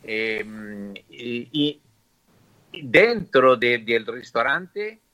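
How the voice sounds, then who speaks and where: An Argentine man, a native Spanish speaker, talks slowly with his Spanish accent plainly audible. His voice is bright and sharp, recorded dry. He gropes for words and restarts often as he answers casually as an interview guest. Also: medium pitch, big pitch swings, no echo, poor audio. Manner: halting, searching for words in Italian.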